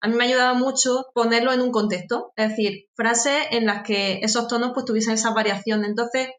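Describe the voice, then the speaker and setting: A woman's voice: on the high side, a little fast. Spanish woman in a roomy, echoey space. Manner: relaxed, thoughtful explaining. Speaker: guest. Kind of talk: casual podcast chat. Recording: roomy echo.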